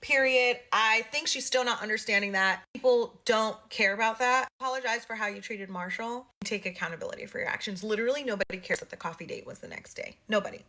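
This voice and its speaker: A woman's voice: medium pitch, quick pace, few pauses, sharp tone. A woman giving blunt, matter-of-fact commentary in an explainer video, reading messages aloud as she goes. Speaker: social media gossip commentator.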